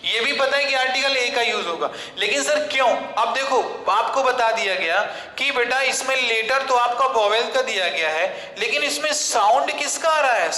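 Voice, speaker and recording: A man teaching English grammar in a classroom lecture, repeating questions back to his students and answering them himself, and slipping into slow, deliberate English phrases. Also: extremely high pitch, pushed and bright, echoey room, long reverb tail, poor audio.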